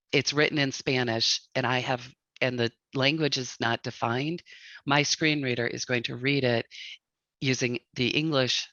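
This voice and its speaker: A man's voice: mid-range voice, gravelly, a bit bright, no echo. Man giving direct practical advice. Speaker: webinar presenter. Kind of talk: instructional webinar talk. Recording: dull lo-fi dry audio.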